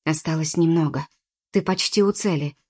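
A hushed wind spirit murmurs steady, gentle encouragement in a whispered role-play, voiced by a woman reader. The voice stays soft and even, lower than a usual speaking voice. It sounds unhurried and reassuring. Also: husky. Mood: soothing. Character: silent wind spirit, calm whispering guide.

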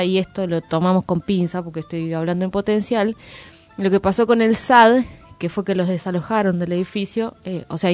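A woman's voice: medium pitch, darkish tone, no room sound. A woman giving an unscripted, explanatory radio news report. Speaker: radio journalist.

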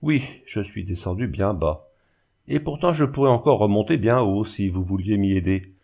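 A man's voice: on the low side, animated, moderate pace, vocal fry, a little mellow. Plaintive, self-pitying, ruined male glassmaker, audiobook character, read by a man. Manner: plaintive, moaning.

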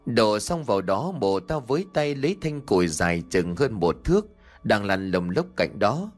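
A male storyteller narrates a ghost tale with dramatic flair. His voice is fairly low yet animated in pitch. Faint music plays underneath. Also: moderate pace.

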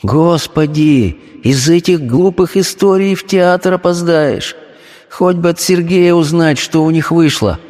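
A man voicing a theatrical, fussy young society wife in a spoken story, with a shrill, wheedling, put-on alarm. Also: unhurried, a little mellow, long reverb tail, natural voice.

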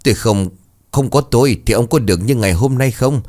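A man's voice: sits low, animated, brisk, darkish tone. A man voicing a domineering middle-aged wife who scolds and wails at her husband. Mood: wailing. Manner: wailing, scolding.

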